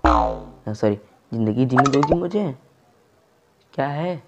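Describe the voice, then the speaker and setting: Exasperated young man with loud music. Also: medium pitch, animated, takes it slowly. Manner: exasperated, keeps restarting his greeting. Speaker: comedy sketch creator. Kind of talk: comic sketch, one-sided phone calls.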